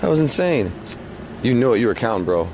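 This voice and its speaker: A man chatting casually and excitedly, with profane, slangy exclamations. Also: medium pitch, a little fast. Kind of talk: excited casual chat during outdoor clips. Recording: noisy amateur recording.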